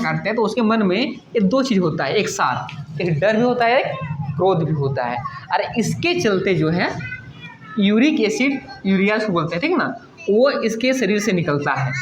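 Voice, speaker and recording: Echoey lecture by a woman teacher. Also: medium pitch. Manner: explanatory, keeps asking the class "okay?" and answering her own questions. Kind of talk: classroom lecture explaining a poem. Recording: echoey, dull lo-fi room recording with faint noise.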